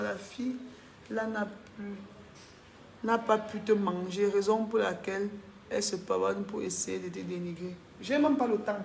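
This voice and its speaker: A woman's voice: mid-range voice, a bit bright, echoey room, slight background noise. A woman, chatting casually on a live stream, reading comments and answering viewers, laughing often.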